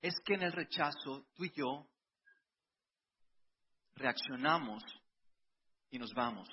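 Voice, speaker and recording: A man's voice: medium pitch, expressive, slow, husky. A middle-aged man, preaching a conversational sermon with personal stories and frequent restarts. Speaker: pastor. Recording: dull lo-fi sound.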